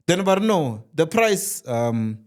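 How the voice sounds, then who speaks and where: Young south african guy spinning a funny story, voice jumps all over, a touch high, super animated. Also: takes it slowly. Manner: animated, switches languages mid-sentence. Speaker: podcast host. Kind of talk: casual comic storytelling.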